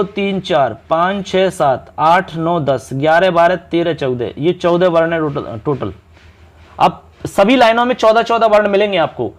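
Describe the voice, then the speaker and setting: A male Sanskrit tutor with a fairly high voice explains exam questions in a quick, friendly way. He talks straight to his students, calls them friends, and slows down to count syllables and stress each right answer. It sounds like a casual online coaching class. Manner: brisk, chatty teacher addressing students as friends. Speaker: Sanskrit teacher. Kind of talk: exam-prep online lesson.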